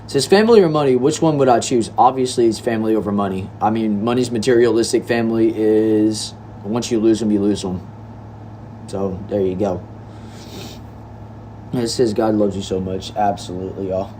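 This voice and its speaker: This young Texan man, nineteen, chats casually on a livestream from indoors, reading out comments in an easygoing way and addressing people as bro and y'all. His voice is lowish and dark, at a moderate pace, with a little hiss or hum on the recording.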